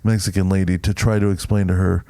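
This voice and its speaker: A man's voice: deep voice, quick pace, no echo, clean studio sound. A man co-hosting a podcast who tells stories casually, swearing now and then and acting out both sides of the conversation. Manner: animated storyteller, acts out both sides of a story; swears casually, says bro. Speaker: podcast co-host.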